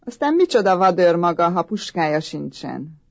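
A woman's voice: lowish voice, very animated, creaky, a little mellow, no room sound, muffled recording, heavily acted. A woman voicing an impatient, bossy army officer from the capital, brusque and commanding. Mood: doubting.

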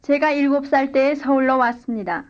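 A woman reading a scripted language-lesson dialogue and drill answers in clear, careful model sentences. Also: sits high, normal speed, highs cut off. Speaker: language course speaker.

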